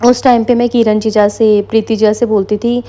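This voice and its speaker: A young woman talks casually to her viewers, mixing into her the way vloggers do. Her voice sits a little high but sounds soft and mellow rather than bright. She rambles comfortably through everyday stories. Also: level tone, fairly quick. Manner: chatty, Hindi mixed with English words. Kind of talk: casual chat.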